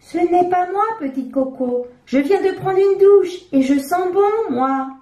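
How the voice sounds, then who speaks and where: A woman voicing a proud skunk in a children's storybook, high and indignant. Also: measured pace, dark tone, reverberant. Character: proud skunk, fresh from a shower.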